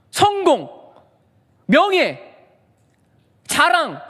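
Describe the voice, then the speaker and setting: A man's voice: very high-pitched, a bit bright. A male pastor preaching a sermon to his congregation, often asking them questions and answering them himself. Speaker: senior pastor. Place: large church sanctuary. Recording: long reverb of a church hall.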